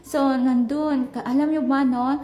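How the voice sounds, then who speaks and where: A young woman from the Philippines, a travel vlogger chatting to her viewers while walking outdoors, animated and talkative. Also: sits high, a little slow. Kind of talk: casual vlog chat while walking. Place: outdoors on a street. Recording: echoey, roomy sound.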